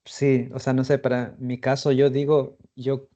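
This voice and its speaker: A man's voice: mid-range voice, level tone, measured pace, warm tone. A man from Ecuador with an Ecuadorian accent, chatting casually on a podcast in a reflective, hesitant way. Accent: Ecuadorian Spanish. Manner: reflective, hesitant, thinking aloud. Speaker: podcast co-host. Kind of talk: casual conversation. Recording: slightly dull lo-fi audio.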